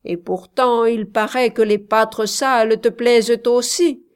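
A woman voicing a jealous young male shepherd who rants loudly and with scorn, threatening the girl he loves. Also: on the high side, steady tone, unhurried, clear, resonant tone, natural voice. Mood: shouting, scornful. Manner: loud, ranting, contemptuous.

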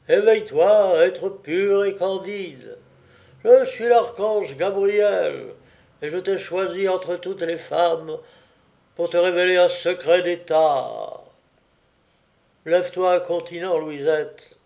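A man's voice: sits high, slow pace, creaky, dark tone, voice pushed up, heavily acted. A man voicing a drunken man who pretends to be a solemn archangel, pompous and slightly slurred. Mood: mock-solemn.

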